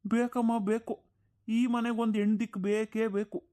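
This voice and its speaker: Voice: mid-range voice, little pitch movement, moderate pace, warm tone, lightly acted. A performer doing a whiny, lazy grown son. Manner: whiny, complaining. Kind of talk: cartoon voice acting.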